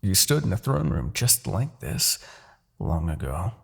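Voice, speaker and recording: Heavily acted and very animated, a man portrays a gravelly, low-voiced demon king for a fantasy ASMR roleplay, speaking a little slowly. This smug tyrant seduces, taunts and manipulates, his theatrical delivery swinging widely as he draws out words condescendingly in a coaxing way.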